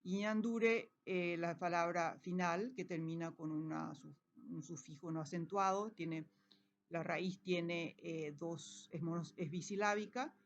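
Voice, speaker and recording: A woman giving an academic lecture over her slides, pausing often on fillers and correcting herself, and checking in with her listeners. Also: lowish voice, steady tone, muffled recording. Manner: hesitant, frequent "eh" and "em" fillers and self-corrections; checks in with listeners using tag questions. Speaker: conference lecturer.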